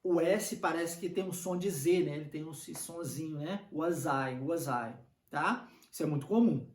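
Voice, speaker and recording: Brazilian guy teaching english, high voice, roomy echo and kinda far from the mic, repeats examples slow. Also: a little mellow. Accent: Brazilian Portuguese. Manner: explains patiently, repeats example phrases slowly. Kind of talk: casual grammar lesson.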